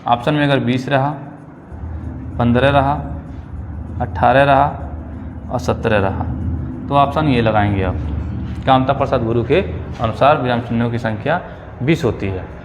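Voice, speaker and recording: A male teacher giving an exam-prep grammar lesson, repeating key phrases slowly and checking in with his students. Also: mid-range voice. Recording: long reverb, faint ambient noise.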